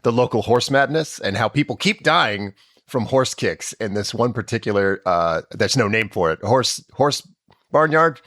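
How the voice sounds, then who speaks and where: A man's voice: lowish voice, lively intonation, normal speed, fairly bright tone, no echo, clean studio sound. A man co-hosting a podcast, riffing sarcastically in casual comedic banter. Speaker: podcast co-host.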